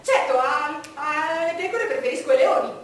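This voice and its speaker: A haughty, vain queen declaims in a high voice with theatrical grandeur. She is heard from far off in a very echoey stage space. Every phrase is emphatic and imperious. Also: expressive, normal speed, slight background noise. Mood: haughty, self-satisfied. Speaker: stage actress.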